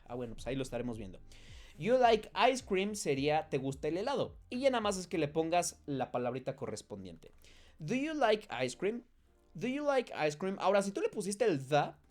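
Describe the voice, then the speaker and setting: A man teaching an English lesson in a chatty, encouraging way, slowing down to model English phrases. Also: a little high, a little mellow. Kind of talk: casual online lesson.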